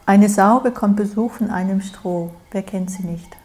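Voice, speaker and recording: A woman's voice: mid-range voice, dark tone, slight background noise. A woman meditation teacher giving a dharma talk, speaking reflectively and often checking in with "ja?". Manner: slow, reflective, with frequent "ja?".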